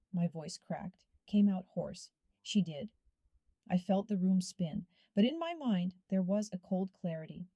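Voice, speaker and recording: A woman reads a dramatic first-person story aloud in a measured, hushed way. Her voice is very dark and mellow. The sound is close and dry, with no room around it. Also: mid-range voice, no room sound. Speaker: story narrator. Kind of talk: scripted first-person narration.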